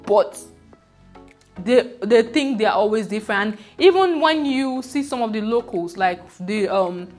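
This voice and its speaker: A woman's voice: medium pitch, animated, a little slow, darkish tone, faint music behind. A woman vlogging casually about her trip from a seaside resort, with a chatty, conversational way of talking full of "like" fillers. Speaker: travel vlogger. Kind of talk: casual travel vlog.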